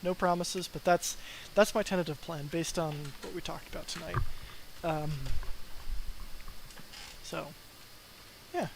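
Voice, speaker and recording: Casting: young male dev streamer, slightly high voice, loose and rambling, light hiss behind. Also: fairly even intonation, a little slow, creaky, pauses often, rough recording. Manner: rambling, filler-heavy, tired. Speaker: mod developer streamer. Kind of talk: casual live stream chat.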